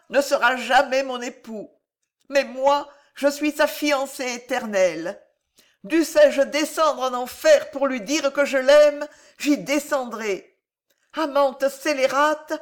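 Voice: high-pitched, pitched above the performer's own voice. A reader voicing a desperate young woman torn by forbidden love in a dramatic audiobook, fierce and anguished.

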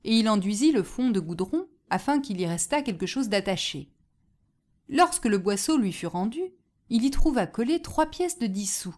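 Expressive woman reading a fairy tale. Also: mid-range voice, normal speed. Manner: expressive storytelling. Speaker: narrator.

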